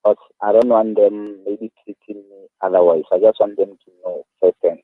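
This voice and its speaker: A man in his thirties with a South African accent, a guest speaking earnestly and haltingly, repeating his words as he explains. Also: on the low side, fairly even intonation, no echo. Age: 30s. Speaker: guest, awareness activist. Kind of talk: phone-in radio interview. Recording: tinny phone line.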